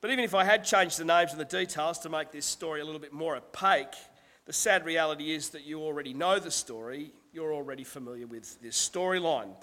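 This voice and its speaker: Male pastor, husky with a cold, slightly high voice, long church reverb. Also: fairly quick, sharp tone. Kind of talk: sermon.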